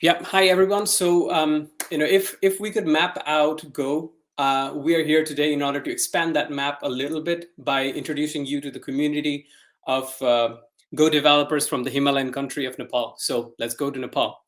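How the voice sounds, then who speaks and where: A man presenting a community talk in a friendly, relaxed way. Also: on the high side, moderate pace. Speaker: conference speaker.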